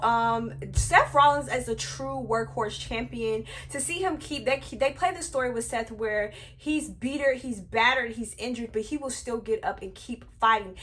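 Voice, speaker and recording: A young woman with a higher-pitched voice gushing through a wrestling recap for her channel. She talks in an animated, chatty way, keeps calling her viewers y'all, and stumbles through fillers as she goes. Recorded close on a webcam or phone mic. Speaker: wrestling review vlogger. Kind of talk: excited casual wrestling recap.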